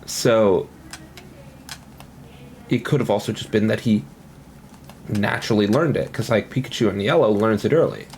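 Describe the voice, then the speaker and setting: A man's voice: fairly low pitch, moderate pace, pauses often, a little mellow, slight background noise. A man casually commenting on his gameplay at home, rambling and thinking aloud with lots of fillers. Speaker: gaming commentator.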